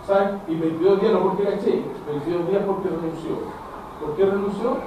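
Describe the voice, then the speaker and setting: A Chilean man in middle age teaches a classroom lecture with a fairly high voice, talking straight to his students. He is picked up from far across the room, so his voice booms in a very echoey space with clear background noise. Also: a little fast. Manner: animated, addresses students directly, acts out dialogues. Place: school classroom. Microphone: camera at a distance.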